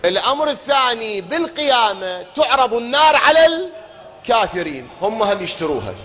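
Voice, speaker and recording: A man with an Iraqi accent giving a religious lecture to an audience, firing rhetorical questions, chanting verses slowly and breaking into shouts. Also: extremely high pitch, big pitch swings. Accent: Iraqi Arabic. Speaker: preacher. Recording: long reverb of a hall.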